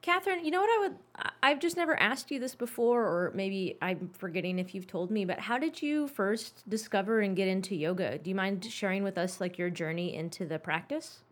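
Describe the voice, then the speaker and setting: A woman's voice: mid-range voice, lively intonation, brisk, hardly any pauses. A woman hosting a podcast, asking friendly, rambling questions in a casual chat. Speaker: podcast host.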